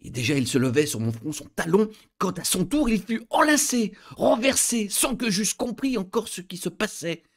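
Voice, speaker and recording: A man reading a story aloud as narrator in an expressive, dramatic way. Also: high-pitched, normal speed, few pauses.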